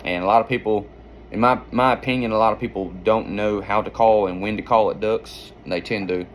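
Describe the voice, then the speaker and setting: Low-voiced man giving an informal tutorial. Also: slight background noise. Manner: folksy, rambling explanations. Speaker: duck-calling instructor and hunter.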